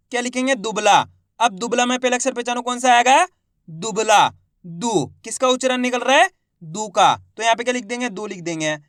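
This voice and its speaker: A man teaching Hindi reading, sounding out words syllable by syllable and quizzing his students in a slow, repetitive classroom manner. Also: very high-pitched, fairly bright tone, no echo, clean studio sound.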